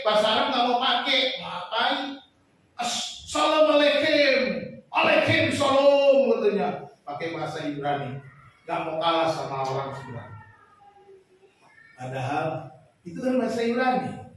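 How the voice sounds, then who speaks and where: A man preaching a lively sermon as pastor, acting out quotes and rising to shouts. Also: very high voice. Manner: animated, shouting peaks, acts out quotes. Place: large church hall. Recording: echoey hall from far off, faint noise.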